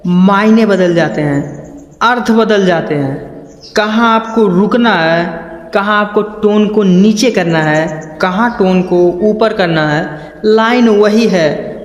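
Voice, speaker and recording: A man's voice: high-pitched, echoey room, in a large hall. A man giving a motivational talk on communication, emphatic and acting out little anecdotes to make his points. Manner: emphatic, acts out anecdotes and examples. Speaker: motivational speaker.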